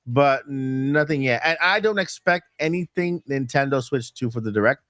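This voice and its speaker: A man hosting a casual podcast chat, animated, laughing as he talks and repeating his words. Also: mid-range voice, moderate pace, dry recording, clean studio sound. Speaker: podcast host.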